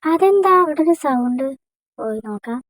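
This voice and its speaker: Lively first-year college girl in an amateur dub drama, voiced by a young woman: squabbling, high-pitched. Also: no room sound. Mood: chatty. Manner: quick-tongued, squabbling. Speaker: fan dub voice actor. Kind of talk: amateur dubbed romance drama.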